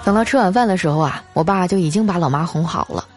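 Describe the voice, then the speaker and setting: A woman telling funny family stories in a lively, teasing, chatty manner. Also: lowish voice, quick pace, music in the background. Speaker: storyteller. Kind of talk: comedic storytelling.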